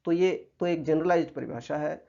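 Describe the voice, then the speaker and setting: A man with an Indian accent teaching a grammar lesson, patiently explaining slides and reading English examples slowly. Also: a little high, creaky, darkish tone. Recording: muffled lo-fi recording.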